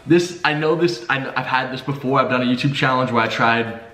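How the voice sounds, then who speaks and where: A man in his twenties chatting as a challenge vlog host while eating sour candy, excitable and teasing. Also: medium pitch, a little fast. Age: 20s. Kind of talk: casual challenge vlog chat. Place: home dining room, indoors. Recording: roomy echo with faint noise.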